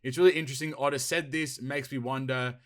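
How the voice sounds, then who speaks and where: A man's voice: medium pitch, steady tone, fast. A young man hosting a casual podcast, reading listener questions aloud and joking around with crude language. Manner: profane, laughing, reads listener questions aloud. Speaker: podcast host. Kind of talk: casual chat.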